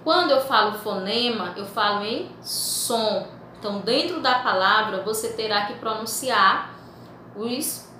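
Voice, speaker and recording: Slow, bright-voiced teacher in echoey room. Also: female voice, fairly high pitch, a little hiss or hum. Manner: slow, deliberate, stretches and repeats example words. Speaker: Portuguese teacher. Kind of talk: recorded remote school lesson.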